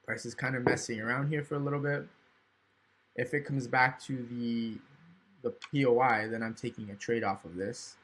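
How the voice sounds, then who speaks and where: A man's voice: medium pitch, steady tone, moderate pace, a bit bright. A man casually walking through trading charts on screen, thinking aloud and often checking in with "right?". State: hiccups. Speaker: trading educator. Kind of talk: screen-recorded chart walkthrough.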